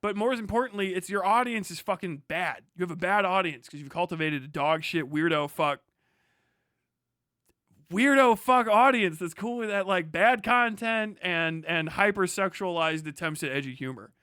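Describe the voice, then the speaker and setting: He hosts livestreams and podcasts, and here he offers casual rant-style commentary that is profane, blunt and mocking. The voice is high, bright and pushed, moving at a moderate pace, with studio-quality audio and no room sound.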